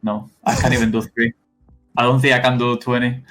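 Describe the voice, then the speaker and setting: A young Spanish man speaks English with a heavy accent, stopping and restarting his sentences as he goes. His pitch sits in an ordinary middle range. Faint music plays quietly in the background. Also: little pitch movement. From Spain. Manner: halting, many restarts and fillers. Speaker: esports player guest. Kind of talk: casual interview.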